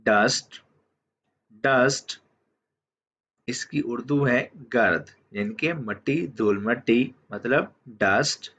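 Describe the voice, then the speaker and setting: A man teaching vocabulary, who says each word and then says it again slowly, often checking in with "theek hai". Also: mid-range voice, fairly bright tone, slightly rough. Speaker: language teacher. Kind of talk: slow vocabulary lesson. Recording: dull lo-fi audio.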